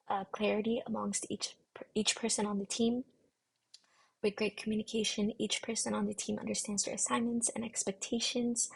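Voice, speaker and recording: Young female applicant from the Philippines, earnest and formal; flat, monotone pitch with a deep gravelly rasp. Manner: earnest, formal, rehearsed delivery. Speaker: nursing program applicant. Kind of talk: prepared interview answers.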